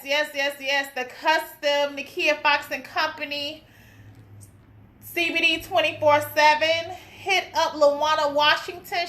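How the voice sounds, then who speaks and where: A woman in a casual live video, excitedly showing off packages that came in and greeting viewers by name, repeating herself often. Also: high-pitched. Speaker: business owner showing products. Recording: echoey room, faint background noise.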